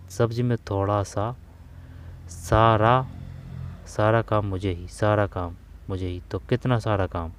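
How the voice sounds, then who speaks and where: A man's voice: on the low side, slight background noise. A man going through grammar exam questions in a casual spoken lesson, repeating phrases as he thinks aloud. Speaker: exam-prep grammar teacher.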